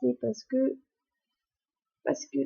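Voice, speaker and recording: High-voiced young woman with a sore throat. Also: fairly even intonation, slow pace, vocal fry, mellow, slightly rough, highs cut off. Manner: chatty, talks to viewers, stammers and repeats. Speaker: gaming video creator. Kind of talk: casual gameplay commentary. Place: at home.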